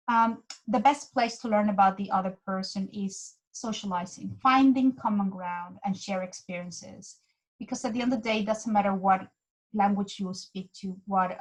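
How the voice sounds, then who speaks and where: A woman from Mexico whose first language is Spanish gives a presentation as a guest speaker. Her voice is medium-pitched, and she speaks earnestly, often restarting and repeating words. The recording is rough.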